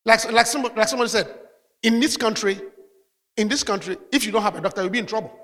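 A man's voice: high-pitched, very fast, a bit bright, long reverb tail. A man preaching a sermon as pastor, calling out hallelujah between points. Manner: preaching with call-outs of hallelujah.

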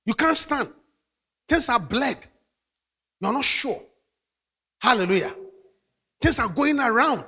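A man's voice: very high-pitched, sing-song, takes it slowly, long pauses, bright, forceful tone, breathy edge, in a large hall. A man preaching a sermon as pastor, calling out hallelujah between points. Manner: preaching with call-outs of hallelujah.

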